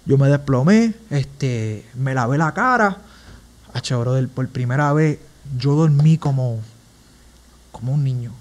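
A man's voice: medium pitch, expressive, a little slow. A young man with a Puerto Rican accent, a podcast guest telling his personal story earnestly and with emotion. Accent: Puerto Rican Spanish. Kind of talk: personal testimony in a casual interview.

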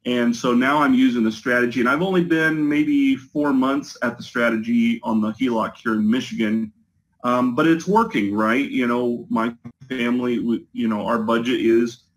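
A man's voice: medium pitch, normal speed, poor audio. A man on a video call from his home office, giving an interview testimonial, talking hesitantly with many fillers and restarts. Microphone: video call with a poor connection.

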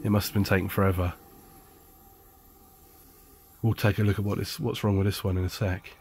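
A man's voice: low voice, level tone, fairly quick, a little mellow, slight background noise. A man explaining appliance repair in a casual, chatty how-to style, blunt and jokey, with a sarcastic streak.

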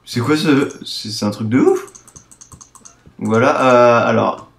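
An eighteen-year-old man giving excitable, casual let's-play commentary, often breaking into exclamations. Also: medium pitch, slow, vocal fry, echoey room. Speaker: gaming video host.

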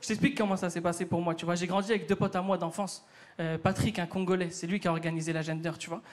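Man, high voice, north african french accent, stand-up comedian, stage mic, faint hiss. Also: steady tone, fast. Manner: chatty, addresses the crowd directly. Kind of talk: stand-up routine.

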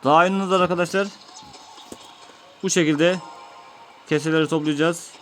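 A man's voice: fairly high pitch, fairly even intonation, normal speed, fairly bright tone, faint music behind. A man giving let's-play commentary, patiently explaining each step of an old game to his viewers. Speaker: gaming YouTuber.

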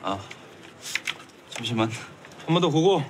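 A young man playing a laid-back, guarded high school boy in a TV drama, speaking casually in brief, understated replies. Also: animated, slow, noisy background. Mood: absorbed. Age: young adult. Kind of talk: Korean television drama acting, casual.

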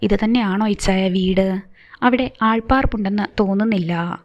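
A woman's voice: medium pitch, moderate pace, darkish tone, natural voice. Woman reading as an outspoken anxious wife.

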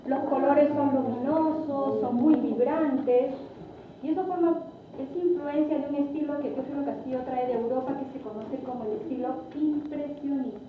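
High-voiced woman guide in an echoey room. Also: fairly even intonation, moderate pace. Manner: didactic, often asks listeners questions. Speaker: museum tour guide. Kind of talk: guided tour explanation to a group. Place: large echoey indoor room. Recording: lo-fi, noisy, very echoey, distant mic.

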